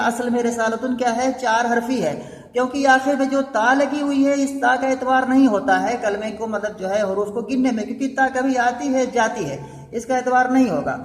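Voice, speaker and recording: A man teaching a blackboard grammar lesson, patiently repeating each step and asking rhetorical questions as he goes. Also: extremely high pitch. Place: classroom with a blackboard. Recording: echoey room with long reverb.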